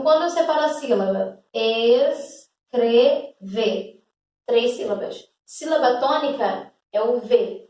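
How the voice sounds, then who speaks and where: A woman's voice: a little high, a little mellow, distant mic. A woman teacher, explaining a grammar rule step by step to schoolchildren and often checking that they follow. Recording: echoey room, away from the mic.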